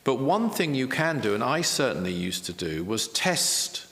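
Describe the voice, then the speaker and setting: A man's voice: medium pitch, very animated, normal speed, sharp tone, long reverb tail, slight background noise. A man, a spiritual teacher and author, explaining in an earnest interview style, repeating key phrases with self-deprecating asides.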